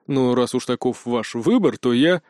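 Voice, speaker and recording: A man's voice: medium pitch, lively intonation, moderate pace, a little mellow, no echo, clean studio sound, close to an everyday voice. A man voicing an arrogant, menacing Norse trickster god who mocks and snarls at his foes. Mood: arrogant mocking. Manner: mocking, snarling.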